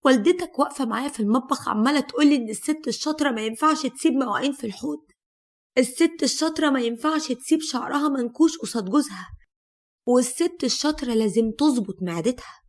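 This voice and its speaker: A woman's voice: high-pitched, fast talker, close to an everyday voice. A woman with an Egyptian accent voicing a hurt, indignant young wife who keeps questioning sharply.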